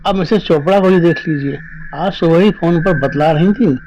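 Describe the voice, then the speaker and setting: A man's voice: on the high side, normal speed, a little mellow, muffled recording, a little hiss or hum. A man telling a story in a wry, chatty way, speaking straight to the listener. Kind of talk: conversational comic storytelling.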